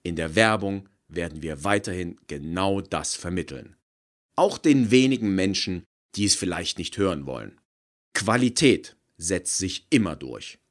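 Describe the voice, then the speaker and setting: A man's voice: low voice, expressive, measured pace, voice pushed up. A man reading a cool, smug car boss. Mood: dismissive. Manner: cool, dismissive.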